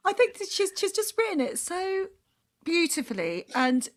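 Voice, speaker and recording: A woman co-hosting a podcast, with a high voice whose pitch swings widely. She responds sympathetically to her co-host over a video call, emotional and laughing through tears, in a lively, animated way. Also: normal speed. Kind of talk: casual chat.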